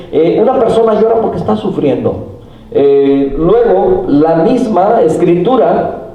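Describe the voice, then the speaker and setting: Unhurried pastor in an echoey church. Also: male voice, a little high, dark tone, muffled recording. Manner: unhurried teaching with frequent fillers and rhetorical questions. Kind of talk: sermon. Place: church hall. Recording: echoey hall, mic far off.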